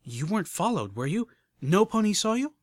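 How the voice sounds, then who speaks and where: A man's voice: on the high side, lively intonation, normal speed, bright, forceful tone, no room sound. A man voicing an older mare pony leader who is frustrated and fiery, talking in an emphatic, exasperated way. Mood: tense. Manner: exasperated, emphatic, swearing when angry.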